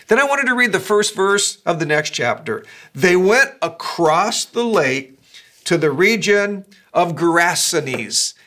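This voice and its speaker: Animated high-voiced older male pastor. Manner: conversational, animated, with quick asides and chuckles. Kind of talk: sermon.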